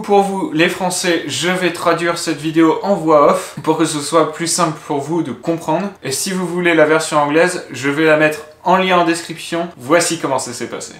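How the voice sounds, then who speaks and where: A man's voice: on the high side, a bit bright. Upbeat male vlog host in a roomy space. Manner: friendly address to viewers. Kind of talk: casual vlog intro. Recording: roomy echo.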